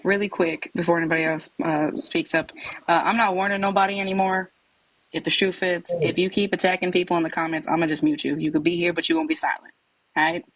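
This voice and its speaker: A speaker warns viewers off in a brisk, stern way. The voice is dry and sits a little away from the mic. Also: mid-range voice, flat delivery, fairly bright tone, no room sound. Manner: quick, stern warnings. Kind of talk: moderating a live chat.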